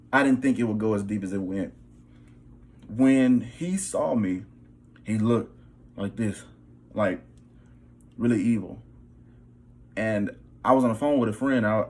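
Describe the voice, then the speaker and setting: A little mellow and on the low side, this young man's voice carries a vlogger's personal spiritual testimony. He speaks casually with emphasis, frequently checks in with his audience, and leans on "bro" and "okay."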